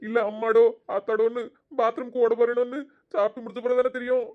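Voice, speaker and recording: A woman's voice: on the high side, flat delivery, quick pace, narrow, tinny audio, lightly acted. A woman voicing a wary, sarcastic father-in-law in a cartoon comedy, hurrying off with an excuse. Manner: sarcastic, evasive.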